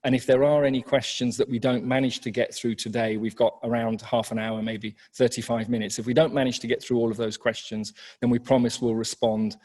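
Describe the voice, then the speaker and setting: Man, college head, welcome address, senate chamber, measured with ums and restarts. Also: medium pitch, little pitch movement, a little mellow. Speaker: head of college, webinar host.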